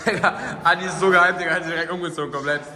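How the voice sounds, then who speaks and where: A young man chatting in an excited, slangy way and laughing with a friend in a tiled locker room, filmed on a phone. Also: on the high side, racing, crowd noise. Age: young adult. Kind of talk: casual vlog chat. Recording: echoey tiled room with music.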